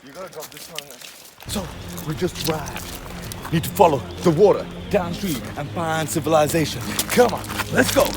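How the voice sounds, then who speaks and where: A man joking in a deadpan mock survival-show style while on a canyon trip with friends. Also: on the high side, moderate pace, music in the background. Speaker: travel companion.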